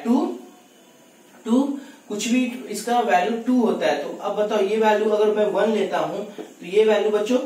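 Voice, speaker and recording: A man teaching maths to students, reading exam questions slowly and working through them step by step. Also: sits high, a little mellow. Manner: talks to students as kids, reads questions slowly, explains step by step. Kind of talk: exam solution lesson. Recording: very echoey room, distant mic, faint noise.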